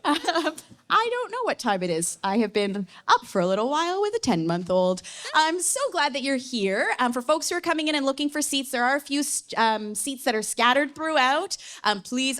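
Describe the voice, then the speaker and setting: A woman's voice: on the high side, a bit bright. A woman with a Newfoundland accent moderating a public event from a podium, speaking informally with self-deprecating, joking asides. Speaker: debate moderator. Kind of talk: event welcome and introductions at a podium.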